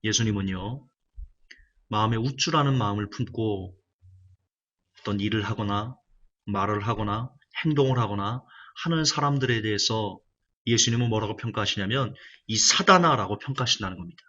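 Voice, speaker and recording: Husky-voiced preacher, emphatic and repetitive. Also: male voice, lowish voice, moderate pace, pushed and bright, muffled recording. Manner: emphatic preaching, repeats key phrases. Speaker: pastor. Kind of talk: sermon.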